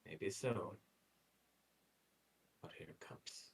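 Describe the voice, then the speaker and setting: A man's voice: low-pitched, very slow, gravelly, full character voice, rough recording. A man playing a proud, honor-bound young male noble swordsman who speaks formally and with measure. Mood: stern.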